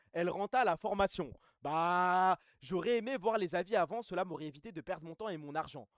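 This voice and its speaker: A man streaming live, reading out reviews and news and answering his chat in quick, slangy speech. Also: sits high, no room sound, clean studio sound. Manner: fast, slangy, reacts to chat. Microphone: streaming mic, gain adjusted mid-stream.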